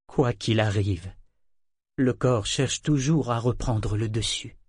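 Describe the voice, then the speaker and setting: A man reading the part of a stern older grandmother who speaks gravely and in measured tones, with a dry, close sound. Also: medium pitch, a little mellow, no room sound. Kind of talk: audiobook character reading.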